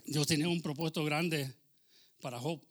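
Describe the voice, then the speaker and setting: Preaching at normal speed, this man has a voice on the high side and fairly even intonation, though his fervor still climbs. He addresses listeners as brother with "hermano," shouts "aleluya," and slips into English at times.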